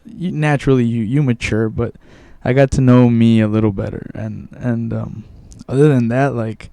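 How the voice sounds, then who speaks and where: A Mexican-born man in his twenties, a native Spanish speaker, chats casually as a podcast guest, often repeating words as he recalls things. His mid-range voice is creaky and dark, steady in tone at a normal speed, with no echo.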